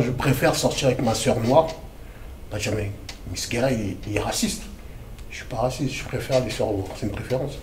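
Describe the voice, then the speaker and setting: Dark-voiced man, casual and emphatic. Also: mid-range voice, roomy sound, slight background noise. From Democratic Republic of the Congo. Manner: emphatic, streetwise, slangy. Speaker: interview guest, activist. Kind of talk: casual conversational interview.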